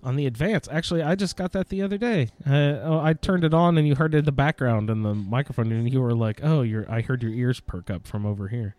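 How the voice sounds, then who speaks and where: A man's voice: mid-range voice, quick pace, hardly any pauses, darkish tone, soft background music. A man hosting a gaming podcast in a casual, informal, self-deprecating way. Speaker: podcast host.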